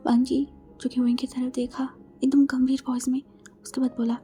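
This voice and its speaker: A woman's voice: high-pitched, flat delivery, moderate pace, mellow, faint music behind. A woman casually retelling a fan-fiction story in a chatty way, slipping in English words.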